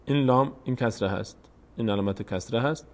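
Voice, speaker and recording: A man teaching a step-by-step Quran reading lesson, patiently explaining each vowel mark and repeating words slowly. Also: mid-range voice.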